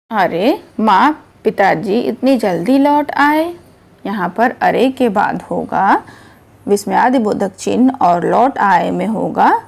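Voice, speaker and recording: Slow, gravelly-voiced woman teacher. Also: on the high side, darkish tone. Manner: slow, patient explaining. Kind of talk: children's grammar lesson.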